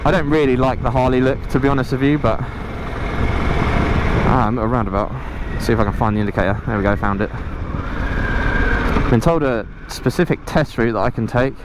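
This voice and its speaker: A man's voice: medium pitch, moderate pace, pauses often. A man giving casual motorcycle review commentary while riding, speaking from behind a helmet visor. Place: outdoors, riding a motorcycle on wet roads. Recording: loud engine, wind and road noise.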